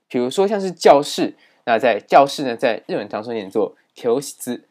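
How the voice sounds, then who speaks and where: A man teaching a language lesson in a steady explaining manner, with many fillers. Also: mid-range voice, brisk.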